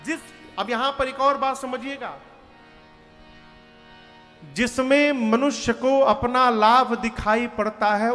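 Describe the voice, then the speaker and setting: A man preaching a devotional story sermon, slow and emphatic, acting out dialogue and chanting verses. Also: very high voice, fairly bright tone. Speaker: Ram Katha preacher. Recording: long hall reverb with faint music.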